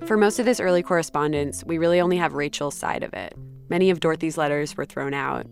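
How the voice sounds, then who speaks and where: A woman's voice: sits low, fast talker, creaky, soft background music. A woman hosting and narrating a story podcast in a conversational, reflective way. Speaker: podcast host. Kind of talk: scripted narration.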